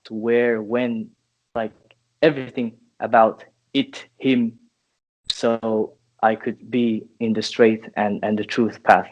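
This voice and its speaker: Thoughtful young man answering questions. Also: mid-range voice. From Finland. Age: 20s. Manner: thoughtful, halting, with many restarts. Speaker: guest. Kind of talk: interview answers.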